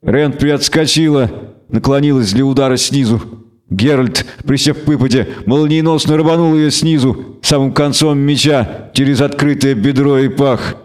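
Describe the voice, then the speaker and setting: A man reading a fantasy audiobook in a measured, dramatic narration. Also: mid-range voice, a little mellow, smooth.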